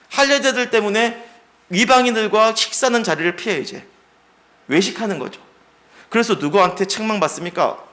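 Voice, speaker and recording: A man's voice: sits high, fairly bright tone. A middle-aged man preaching a sermon as pastor, emphatic and acting out the voices he quotes.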